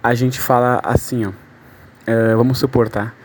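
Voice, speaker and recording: A man from southern Brazil with a Porto Alegre accent, explaining things in a relaxed voice message and acting out examples. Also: medium pitch, a little slow, a little hiss or hum. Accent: Porto Alegre Brazilian Portuguese. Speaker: listener sending a voice message.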